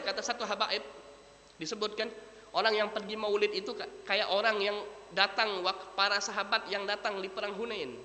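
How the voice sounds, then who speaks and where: A man preaching a sermon in a large mosque, telling stories in a lively way and acting out the voices in them. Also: high-pitched, slight background noise. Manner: storytelling, animated, acting out quoted dialogue. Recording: echoey hall reverb, faint ambience.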